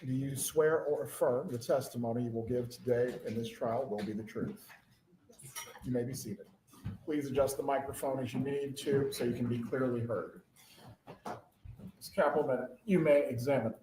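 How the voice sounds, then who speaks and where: A man's voice: medium pitch, steady tone, moderate pace, warm tone. A man, a judge in a courtroom recording, giving formal instructions and swearing in a witness. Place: large courtroom. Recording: echoey courtroom from far off, faint noise.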